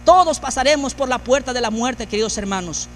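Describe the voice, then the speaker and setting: A man's voice: very high-pitched, fairly quick, a bit bright, slight background noise. A man preaching a sermon as pastor, building emphasis through repeated phrases. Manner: preaching with rising, emphatic repetition.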